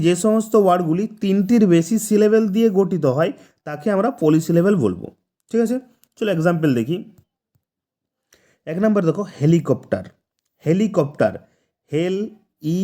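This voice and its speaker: High-voiced man teaching grammar patiently. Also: lively intonation, normal speed, long pauses, dark tone. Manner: patient, repeats words syllable by syllable, asks "ঠিক আছে?". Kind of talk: spoken lesson explaining examples.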